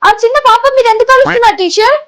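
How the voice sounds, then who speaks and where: A woman's voice: extremely high pitch, racing, fairly bright tone, slight background noise. A woman playing a bossy, indignant schoolteacher who bickers with a rival teacher. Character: bossy young female teacher, petty rival. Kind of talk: comedy sketch acting.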